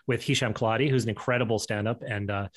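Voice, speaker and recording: A fast-talking man in his thirties from Alberta, Canada, with a fairly low voice, joins a video call as a guest. An improviser and podcast host, he tells stories loosely and animatedly, laughing often and using many fillers.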